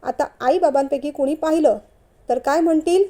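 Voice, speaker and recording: A woman's voice: sits high, normal speed, close to an everyday voice. A woman voicing an irritated young husband who answers curtly and sharply in a storybook reading. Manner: curt, sharp-tongued. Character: young husband, curt and resentful.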